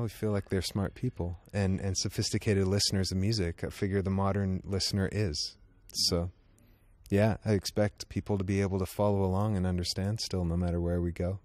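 A man's voice: on the low side, a little mellow, no echo. A man in a band answering interview questions backstage, thoughtful and restarting his sentences often. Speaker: band member.

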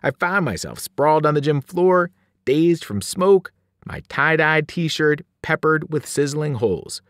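A man, a teacher, reading a novel aloud in an animated storytelling voice, rising and falling with the action. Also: unhurried, no room sound, studio quality. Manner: animated storytelling, shifting pitch and loudness with the action. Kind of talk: expressive read-aloud narration.

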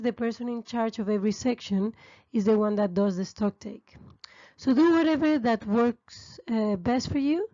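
A woman with a fairly high, mellow voice walks through a spreadsheet tutorial in a steady, explanatory way, with the odd "uh" and "um". The recording is dry and a little muffled, like a lo-fi voice-over. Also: dry recording. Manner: steady explanatory pace with frequent fillers. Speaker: restaurant finance tutor.

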